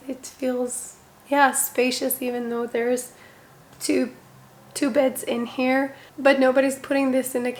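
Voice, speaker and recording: A young parenting vlogger sits in her bedroom giving a casual home tour. Her high-pitched voice is a bit hoarse, and she chats in a relaxed way, dropping "like" constantly.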